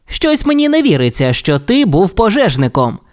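A man's voice: high voice, huge pitch swings, normal speed, a little mellow, voice pushed up. A man voicing a young male race car in an audio storybook, doubting and protesting. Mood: skeptical. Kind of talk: storybook character voice.

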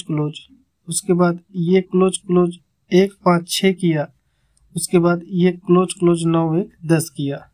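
A number-game tipster with a fairly high voice works through number-chart calculations in a flat, even tone. He counts aloud one step at a time, repeating each sum as he goes, and sounds close to the microphone.

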